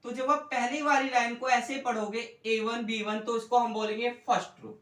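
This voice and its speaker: A man explains math at a board, slowly and patiently. He repeats each point and asks his students questions as he goes. He sounds some distance from the mic, in an echoey classroom. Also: extremely high pitch, level tone, bright, forceful tone. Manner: slow, repetitive, quizzes students with questions. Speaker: economics tutor. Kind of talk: whiteboard math lesson. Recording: echoey room, mic far off.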